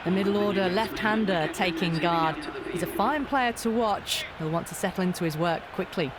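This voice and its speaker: A man's voice: sits high, moderate pace, over loud music, natural voice. A man playing an appreciative, analytical cricket commentator in a video game, explaining play in clipped phrases. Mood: observant. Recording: loud crowd noise behind commentary. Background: roaring stadium crowd.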